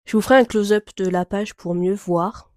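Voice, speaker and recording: A young woman talks casually to camera as a book vlogger, chatty and rambling, with fillers and little laughs. Her voice sits mid-pitch with a mellow, relaxed tone. The recording is dry and close. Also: moderate pace, no echo.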